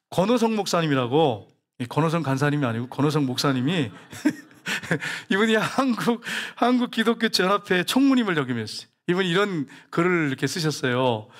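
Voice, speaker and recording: High-voiced man preaching a folksy sermon. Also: a bit bright. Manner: folksy storytelling, rhetorical questions, acted quotes. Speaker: pastor.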